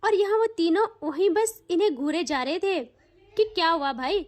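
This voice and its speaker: A woman's voice: extremely high pitch, moderate pace, a little mellow. A woman narrating an audio love story in a chatty, informal way.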